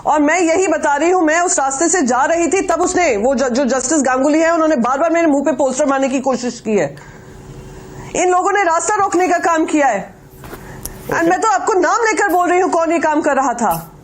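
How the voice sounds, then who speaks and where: Insistent high-voiced woman debater. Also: animated, a little hiss or hum. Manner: insistent, rapid repeated denials, mixes in English. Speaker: political debate panelist. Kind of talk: heated TV debate argument.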